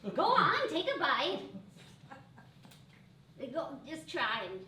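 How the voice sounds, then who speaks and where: A woman's voice: high-pitched, big pitch swings, slow pace, bright, forceful tone, a little hiss or hum, heavily acted. An actress playing a wheedling wicked queen offering fruit, in a live stage sketch comedy. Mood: coaxing. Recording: distant stage mic in echoey theater.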